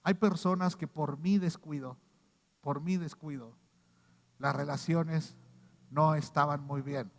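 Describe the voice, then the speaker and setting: A male pastor delivers a sermon at an unhurried pace, his voice sitting somewhat high. He swings from loud, acted-out quotes to hushed, quiet lines. The sound rings with the long reverb of a church hall. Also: fairly even intonation, gravelly.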